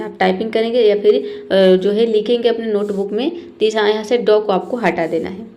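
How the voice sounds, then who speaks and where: A woman's voice: medium pitch, darkish tone. Patient Indian woman teaching pronunciation. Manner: patient, repeats each word and keeps checking in. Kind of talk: explaining word meanings in Hindi.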